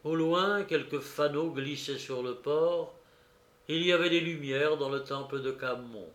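A man reading a classic novel aloud in a slow, measured narration, lifting his voice for quoted shouts. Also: a little high, echoey room. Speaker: audiobook reader. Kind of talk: literary narration.

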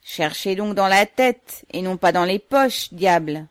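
A woman voicing a defiant young male factory worker who mocks a guard, shouting. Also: fairly low pitch, lively intonation, a little slow, dry recording, clean studio sound. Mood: mocking. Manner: shouting, mocking.

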